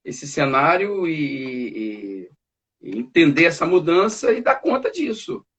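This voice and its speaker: A man's voice: a little high, sing-song, a bit bright. A male pastor chatting in a church talk, hesitating and repeating words while he builds his point, sometimes mimicking family members arguing. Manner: halting, repeats words, acts out family arguments.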